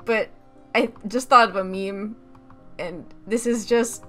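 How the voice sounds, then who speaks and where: A young woman hosting a reaction video, rambling excitedly, swearing freely and laughing as she comments. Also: mid-range voice, takes it slowly, soft background music.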